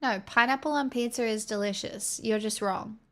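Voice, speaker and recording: A young Australian woman with a slightly high voice talks at a normal speed, rambling frankly and casually to her live stream chat. At one point she remarks that her voice feels strained.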